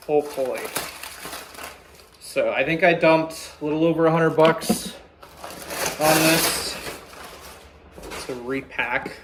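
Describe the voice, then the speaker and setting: A man's voice: a little high, slow, long pauses, noisy background. A young man talking candidly in a casual vlog, rambling and swearing now and then. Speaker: vlogger.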